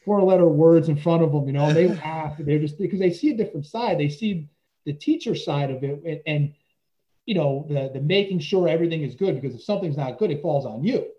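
A man's voice: fairly high pitch, fairly quick, mellow. A man who works as a teacher, telling stories in a casual interview, rambling with lots of "you know" and restarts. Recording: dull lo-fi recording.

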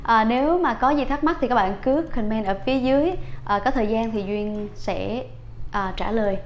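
A woman's voice: fairly high pitch, moderate pace, highs cut off, slight background noise. A young woman teaching a vocabulary lesson online, repeating each word several times for learners to practise. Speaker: language teacher.

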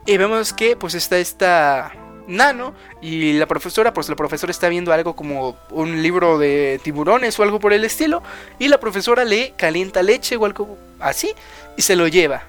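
A man's voice: high voice, lively intonation, moderate pace, soft background music. A man, co-hosting a podcast and loosely retelling an anime episode, full of fillers and "que no sé qué". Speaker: podcast co-host. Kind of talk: casual chat recapping an anime episode.

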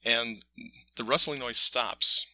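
A man acting as game master, narrating casually and haltingly, pausing to find his words. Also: mid-range voice, fairly even intonation, bright, forceful tone, no room sound. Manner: halting, pausing mid-phrase to search for words.

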